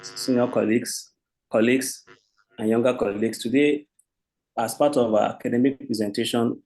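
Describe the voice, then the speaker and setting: A man with a Nigerian accent presenting a medical lecture, formal and halting, restarting his sentences. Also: mid-range voice, steady tone, a little mellow, poor audio. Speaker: presenting doctor.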